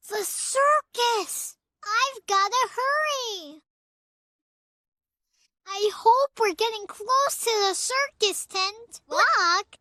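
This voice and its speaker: A cheerful young girl elephant from a preschool cartoon, who speaks in a very high, sparkling voice. She talks unhurriedly and sing-song to the viewer, her pitch leaping up and down, all in a dry, close studio sound. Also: expressive, very slow, sharp tone, no echo, exaggerated voice. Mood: excited. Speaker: voice actor.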